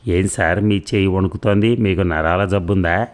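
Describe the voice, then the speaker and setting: A man's voice: low voice, fairly even intonation, moderate pace, close to an everyday voice. A man voicing an impatient, stubborn male patient who demands treatment curtly. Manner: demanding, curt.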